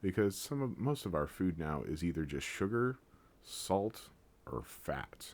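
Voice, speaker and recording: A man with a very deep voice that still swings up and down a lot. He co-hosts a relaxed chat, rambling through his fillers and breaking into jokes and laughter. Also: measured pace. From Japan. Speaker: podcast co-host. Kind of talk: casual chat.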